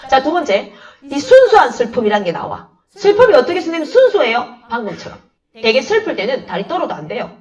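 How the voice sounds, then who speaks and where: Lively woman teacher telling classroom stories. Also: sits high, quick pace. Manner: chatty, animated storytelling, acts out dialogue. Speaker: Korean literature teacher. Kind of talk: lecture with anecdotes. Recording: dull, slightly distant lo-fi sound.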